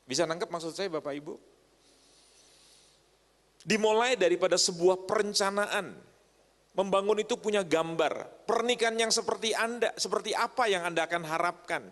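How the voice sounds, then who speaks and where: A man's voice: high voice, moderate pace, pauses often, fairly bright tone. A man preaching a humorous sermon to a congregation, often stopping to ask if they agree. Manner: joking, often asks the crowd to agree. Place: church hall. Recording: long church hall reverb.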